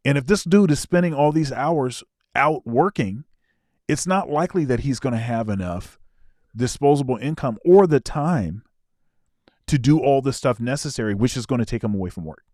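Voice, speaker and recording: A man's voice: mid-range voice, expressive, moderate pace, a little mellow, no room sound, studio quality. A man co-hosting a casual reaction show, talking things through and often repeating his words as he explains. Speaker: co-host.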